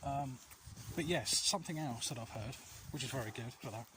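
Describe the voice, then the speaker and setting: Here a vlog host speaks at a medium pitch and fairly quick pace while walking along alleys outside. His talk to viewers is casual and rambling but sincere and reassuring, and he keeps losing his train of thought against clear ambient noise.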